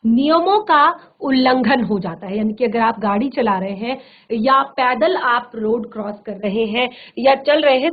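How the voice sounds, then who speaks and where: A woman teacher giving a classroom lecture, explaining slowly and repeating examples with many hesitations. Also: high-pitched, narrow, tinny audio. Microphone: studio virtual classroom mic.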